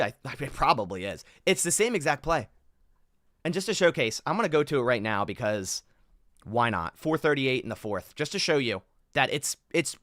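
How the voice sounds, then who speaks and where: A man commenting over football game film in an animated, exasperated way, thinking aloud as he goes. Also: medium pitch, no echo, clean studio sound.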